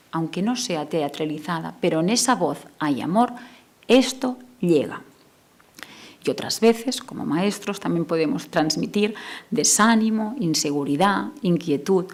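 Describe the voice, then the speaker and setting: A woman speech therapist, Catalan native, lectures to an audience in a slightly low voice. She drops to a soft, quiet tone at times, then rises into emphatic bursts. The talk comes from a lecture hall. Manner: expressive, shifts between soft lowered voice and emphatic bursts. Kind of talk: conference talk.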